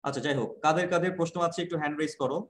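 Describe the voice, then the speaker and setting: A man's voice: a little high, very fast. A man teaching English grammar in an online class, answering a student's questions patiently and repeating key points. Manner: explains patiently, repeats points, asks rhetorical checks. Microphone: video call.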